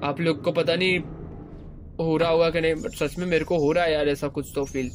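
A young man giving casual, excitable commentary while playing a horror game, swearing playfully and yelping high when scared. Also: a little fast, a little hiss or hum. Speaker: gaming YouTuber. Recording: game music loud behind voice. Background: horror game music.

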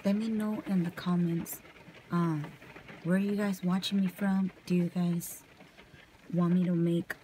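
Young woman, relaxed rambling ASMR talk, mellow low voice, close mic in a car. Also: a little slow, a little hiss or hum, rough recording. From California. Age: young adult. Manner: softly spoken, rambling and casual while brushing her hair. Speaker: vlogger. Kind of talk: soft-spoken ASMR chat. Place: parked car at night, rain outside. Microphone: camera close up.

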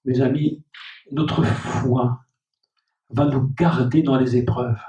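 A man's voice: mid-range voice, fairly even intonation, slow pace, warm tone. A man preaching a sermon as pastor, repeating key phrases and speaking directly to the congregation. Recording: dull, echoey hall recording from a distant mic.

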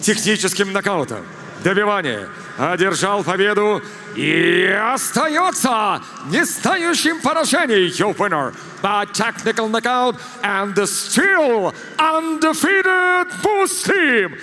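A male fight announcer delivers formal, drawn-out proclamations in a fighting game style. His voice sits high and has a bright, forceful edge. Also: very animated, slight background noise. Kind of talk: live MMA result announcement.

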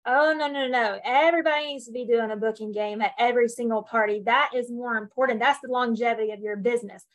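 A young woman with a high voice speaks over a video call, direct and emphatic. She sounds confident and lands each point firmly. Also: steady tone, fast, rough recording. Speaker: panelist consultant. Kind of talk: casual panel talk. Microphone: video call webcam.

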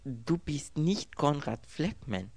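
A man doing a frightened young woman, excited and pleading. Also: on the high side, slow pace, creaky, breathy edge, no room sound, voice pushed up, full character voice. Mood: dismayed.

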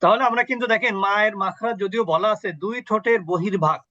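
A man's voice: high-pitched, quick pace, bright, forceful tone, no room sound, highs cut off. A man teaching an online Quran recitation class on a video call, patiently quizzing his students and repeating sounds for them.

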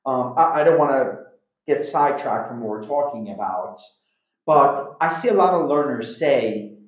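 This English teacher and video host, a middle-aged man from Iran, speaks at a moderate pace and medium pitch while teaching slang informally to camera. He acts out examples with animated emphasis. It was recorded indoors in a small room at home, with roomy, slightly dull audio.

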